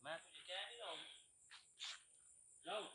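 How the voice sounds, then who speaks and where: A man's voice: high voice, measured pace, pushed and bright, recorded from a distance. A man on a ghost hunt outdoors at night who teases his companion and insistently urges him to go ahead. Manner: teasing, urging, repeats "go" insistently.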